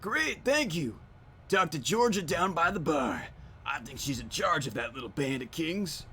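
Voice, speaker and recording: A man voicing a bitter old male town mayor with a wheezy cigarette rasp, grumbling and world-weary, as amateur game voice acting. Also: on the high side, sing-song, a little slow, sharp tone, slight background noise, pitched above the performer's own voice, heavily acted. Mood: gruff. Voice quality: wheezy, gravelly.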